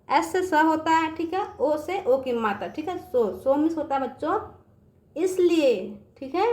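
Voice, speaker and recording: A woman with a high voice, heard in an echoey room, gives children an online English lesson. She goes over words patiently and repeatedly, checking understanding with "समझ में आ गया बच्चों?"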